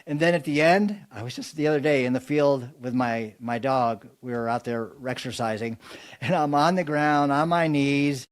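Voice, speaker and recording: A man's voice: medium pitch, moderate pace. Earnest man preaching on a podcast. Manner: earnest and animated, preaching-style delivery. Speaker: podcast guest, speaker. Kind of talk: faith-based podcast conversation.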